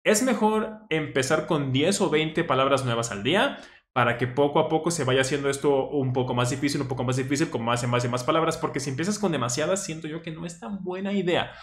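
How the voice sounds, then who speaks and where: A man who stutters now and then, explaining a study deck in a relaxed, thinking-aloud way. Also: a little high, fairly quick. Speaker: language teacher reviewing a study deck. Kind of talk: casual explanatory commentary. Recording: roomy echo.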